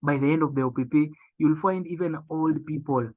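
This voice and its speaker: A young man's fairly high voice comes through a tinny, phone-like recording as he gives business training meant to motivate. He drives his message with emphasis, slowing down and repeating the key phrases.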